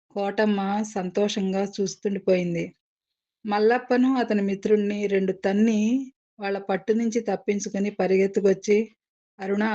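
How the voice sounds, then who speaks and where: Mellow woman narrating a novel. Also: medium pitch. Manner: dramatic, measured storytelling. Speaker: audiobook narrator. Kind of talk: scripted story narration. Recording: dull lo-fi recording.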